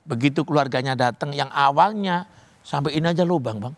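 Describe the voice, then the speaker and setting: A man's voice: a little high, brisk, no echo. A man, a police officer from Java, telling earnest stories. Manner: earnest storytelling, often addresses the interviewer directly. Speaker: police officer running a rehabilitation home.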